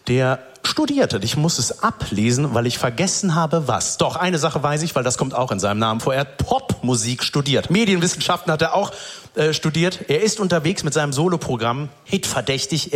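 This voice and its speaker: A man hosting a comedy show on stage, telling stories and acting out the people in them. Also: fairly high pitch. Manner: animated storyteller, acts out quotes. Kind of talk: stand-up storytelling and hosting. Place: stage before a live audience.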